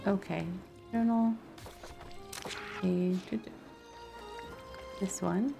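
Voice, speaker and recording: During a live game stream, a woman casually comments and muses aloud to herself while playing. She talks extremely slowly in a medium-pitched, steady voice with vocal fry. Music and game audio play in the background.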